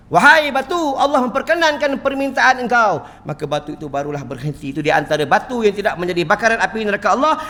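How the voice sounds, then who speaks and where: A man's voice: sits high, a bit bright. A male preacher with a Malaysian accent giving an emphatic sermon, often addressing his listeners directly and adding humorous asides. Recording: long hall reverb.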